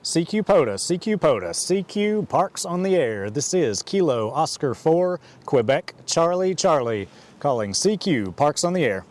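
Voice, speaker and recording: A man operating an amateur radio outdoors in a park, making a ham radio call and spelling out his call sign in phonetic alphabet with a steady, repetitive procedure cadence. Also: a little high, a little slow.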